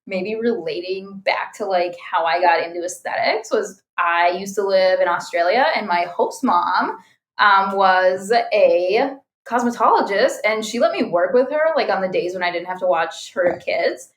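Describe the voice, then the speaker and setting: A chatty woman talking about skincare work in a relaxed podcast chat, full of fillers. Her mid-range voice sits in a roomy, echoing space. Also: medium pitch, measured pace. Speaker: esthetician. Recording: roomy echo.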